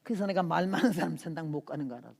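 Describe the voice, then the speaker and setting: A woman in her eighties, a missionary giving an impassioned testimony sermon in a church, swinging from hushed tones to loud outbursts. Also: deep voice, animated, very fast, creaky. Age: 80s. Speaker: missionary preacher. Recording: long reverb of a church hall.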